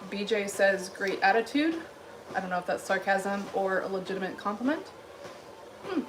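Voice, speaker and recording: A woman's voice: mid-range voice, lively intonation, moderate pace, noisy background. A woman from Illinois hosting a casual livestream, reading chat comments in a blunt, dry, dismissive way while walking on a treadmill.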